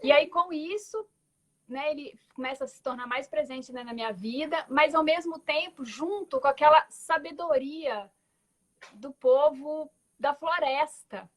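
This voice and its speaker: A woman's voice: sits high, measured pace. A woman in her forties from Belo Horizonte with a Minas Gerais accent, telling her story as a guest artist on a video call in a thoughtful way, with frequent tag words and restarts. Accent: Minas Gerais Portuguese. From Belo Horizonte, Brazil. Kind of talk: reflective conversational storytelling.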